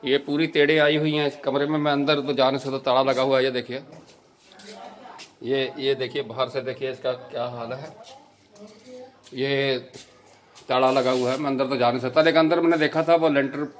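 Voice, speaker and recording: A man's voice: medium pitch, little pitch movement, normal speed, long pauses. A man with a Punjabi accent giving a walking report outdoors at a village house, earnestly pointing things out and repeating himself, recorded on the camera mic. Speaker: social video reporter.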